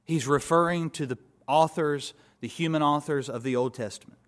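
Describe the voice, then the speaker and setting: A male pastor preaching an expository sermon, building to emphatic peaks and dropping to soft asides. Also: fairly high pitch, moderate pace.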